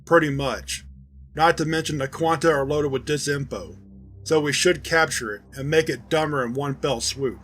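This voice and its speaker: A man's voice: fairly high pitch, moderate pace, a bit bright, faint music behind, natural voice. A man voicing a terse male leader of a covert security team, reading a dramatized audio log with clipped commands.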